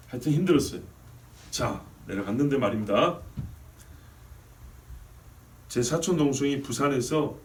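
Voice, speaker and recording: Animated pastor preaching from afar. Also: male voice, mid-range voice, far from the mic. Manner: animated storytelling with questions to the congregation. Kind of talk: sermon. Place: church sanctuary.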